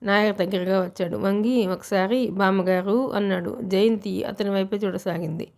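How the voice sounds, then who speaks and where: A woman's voice: medium pitch, fairly even intonation, normal speed, creaky, a little mellow. Woman narrating a novel steadily. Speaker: audiobook narrator. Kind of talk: audiobook narration.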